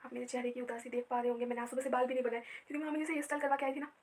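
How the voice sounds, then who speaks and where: A woman's voice: high voice, level tone, rapid-fire, a little mellow, slight background noise. A young woman vlogging to camera, tired and upset after a sleepless night, telling the story chattily with many fillers. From India. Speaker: family vlogger. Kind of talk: casual vlog storytelling to camera.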